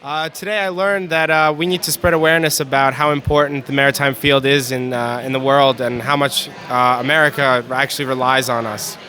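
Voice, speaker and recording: Bright young male cadet from Poland. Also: mid-range voice, steady tone, brisk, hardly any pauses. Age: young adult. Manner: hesitant, fillers. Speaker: college cadet. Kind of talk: casual interview answer.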